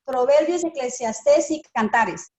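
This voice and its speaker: Woman, student, hesitant, high voice, slow speech. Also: warm tone. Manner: hesitant, slow, thinking aloud. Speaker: student in the class. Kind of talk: answering questions in an online class.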